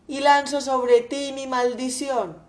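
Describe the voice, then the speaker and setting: A woman's voice: high voice, flat delivery, slow, pitched above the performer's own voice. A woman voicing an old miserly father who rages and wails over his lost money, in shrieking, desperate outbursts. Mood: angry.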